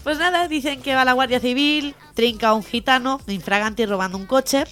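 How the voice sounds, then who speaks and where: A woman hosts a comedy radio show and spins long jokes, acting out each character's lines as she goes. Her voice is a touch high, with faint music behind her. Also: fairly quick, a bit bright. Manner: storyteller, acts out dialogue in jokes. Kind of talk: joke telling on radio. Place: radio studio.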